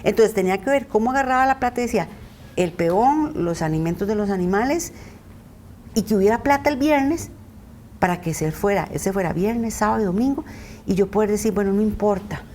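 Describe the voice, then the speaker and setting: A woman's voice: mid-range voice, expressive, brisk, darkish tone, slight background noise. A middle-aged woman giving an earnest personal testimony as a podcast interview guest. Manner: earnest, recounting, often acting out quoted voices.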